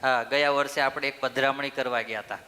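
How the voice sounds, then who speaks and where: A man's voice: medium pitch, steady tone, fairly quick, bright, forceful tone. A man giving a temple sermon, telling a story and putting questions to the listeners, then answering them himself. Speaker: swami giving a temple discourse. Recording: long hall reverb.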